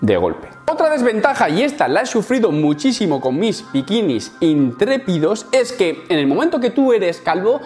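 A man's voice: high-pitched, darkish tone. A young man with a Spanish accent from Spain, giving a sarcastic, comedic vlog monologue as a YouTuber, swearing and acting out little scenes.

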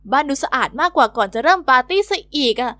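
A bubbly, expressive woman narrating an animated diary story in the first person, her voice pitched high. The recording is dry and close, a studio voice-over with no room sound. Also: quick pace, dry recording.

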